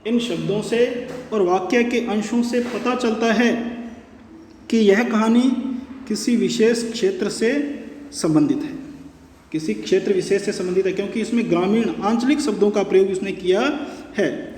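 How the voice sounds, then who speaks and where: A male teacher giving a Hindi grammar lesson, slowly repeating and dictating example sentences. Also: high voice, darkish tone. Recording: echoey room with long reverb.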